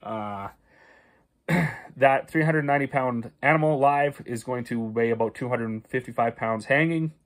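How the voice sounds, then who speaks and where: A Canadian farmer in his thirties hosts a casual talking-head video, filmed on a phone camera held at arm's length in a small paneled room. His mid-range male voice moves at a measured pace as he chats and rambles conversationally, full of fillers and restarts, leaning hard on the prices.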